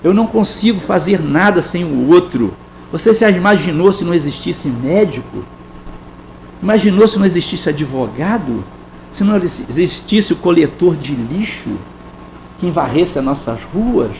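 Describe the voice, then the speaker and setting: Brazilian guy giving a talk at a spiritist center, high voice, asks the crowd questions a lot. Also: lively intonation, moderate pace, a little mellow, a little hiss or hum, rough recording. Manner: conversational, rhetorical questions, frequent tag questions. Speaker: spiritist lecturer.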